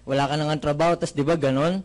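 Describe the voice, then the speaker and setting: A man from the Philippines giving a lively testimonial talk, telling his story with jokes and asking the audience questions. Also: fairly high pitch, fast talker, very noisy. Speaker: motivational speaker giving a testimony.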